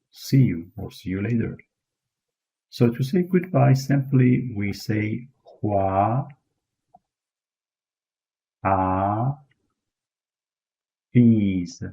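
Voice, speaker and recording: A man teaching a beginner language lesson, patiently repeating words slowly and praising the learner as he goes. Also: on the low side, gravelly, mellow, husky, muffled recording. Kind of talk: slow spoken language lesson.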